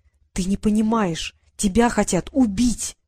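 A woman reading the part of an anxious, secretive young brother in an audiobook, speaking slowly and hesitantly. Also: medium pitch, darkish tone, breathy edge, no room sound. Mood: urgent.

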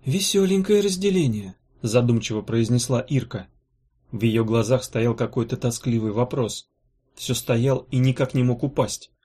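A man narrating a fantasy novel as an audiobook in a steady, even storytelling manner. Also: medium pitch, moderate pace, breathy edge. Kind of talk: scripted narration.

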